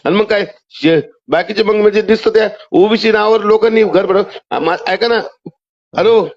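A man's voice: sits high, moderate pace. A man, talking insistently as a caller over a telephone line and pushing in over the other person. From Maharashtra, India. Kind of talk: argumentative phone conversation. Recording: muffled phone call audio.

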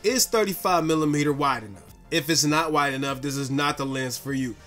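Enthusiastic man reviewing gear, slightly hoarse. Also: fairly high pitch, a little fast, fairly bright tone, soft background music. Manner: enthusiastic, slangy and direct. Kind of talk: casual product review.

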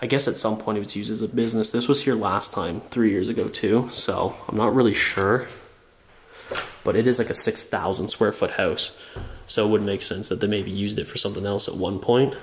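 Brisk and fairly low-pitched with fairly even intonation, a young man sick with a cold vlogs his way through an empty abandoned house indoors. This urban explorer chats enthusiastically with many fillers in casual walkthrough narration, recorded on a small camera at arm's length.

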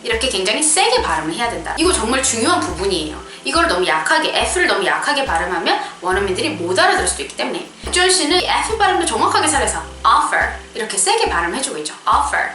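A woman's voice: a little high, sing-song, fast, hardly any pauses, sharp tone. Chatty woman teaching English pronunciation. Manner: chatty, demonstrates pronunciation with exaggerated repetitions. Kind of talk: casual explanatory lesson. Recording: roomy echo with background music.

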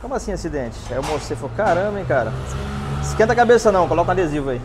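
Rapid-fire and animated, with a fairly high pitch and background noise, a Brazilian paintless dent repair instructor in his forties explains his craft in a Brazilian Portuguese accent. With a lapel mic on, he points at a car during a hands-on class inside a large workshop.

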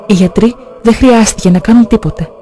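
A man slowly and solemnly reading out religious testimonies. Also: high voice, dark tone.

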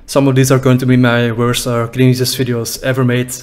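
A young YouTuber speaking with a Dutch-speaking Belgian accent laughs and jokes crudely while reacting to his old videos. His voice is medium in pitch, a little mellow and clean, delivered completely flat and a little fast. He's recording in a small room on a desk boom mic with headphones.

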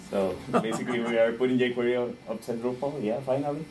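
A man in his thirties from Rica, speaking English, giving a friendly conference talk with frequent small laughs and pauses while he searches for words. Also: mid-range voice, darkish tone, a little hiss or hum, poor audio. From Costa Rica.

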